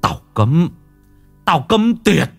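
A man voicing a furious old father who shouts and scolds his son, with faint music behind. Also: a little high, very animated, normal speed, gravelly, husky, voice pushed up, heavily acted. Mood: furious shouting. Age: older.

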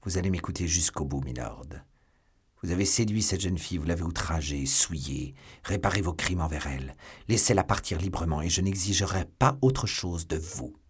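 A man's voice: low-pitched, moderate pace, husky. A man voicing a fanatical young officer whose speech grows more clipped and jerky. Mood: pleading. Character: fanatical young male officer, pleading then threatening.

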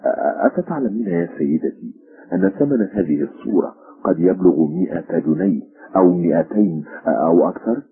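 An earnest young art student who pleads gently and eagerly, as a male narrator plays him. The voice is deep and very husky, heard through a dull lo-fi old radio recording. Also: sing-song, fairly quick, exaggerated voice. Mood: admiring.

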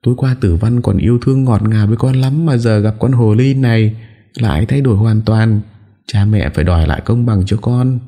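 A man's voice: medium pitch, normal speed, vocal fry, mellow, voice pushed up. A male narrator voicing a spoiled young woman who stammers and pleads through tears. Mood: tearful accusing. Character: weepy spoiled young woman, jilted and whining.

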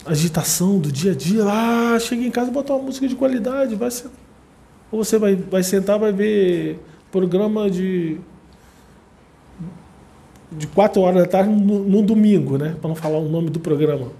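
A man with a Brazilian accent and a high voice with vocal fry talks to an audience at normal speed. His casual, chatty talk is full of animated asides and repeated words for emphasis.

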